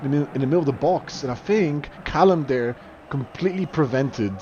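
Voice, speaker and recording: This young man's voice sits on the high side and has a warm tone as he chats through a live online match fairly quickly. Goals and saves send his pitch shooting up, and he stumbles into fillers and restarts. Faint music plays behind him, and the high frequencies are clipped.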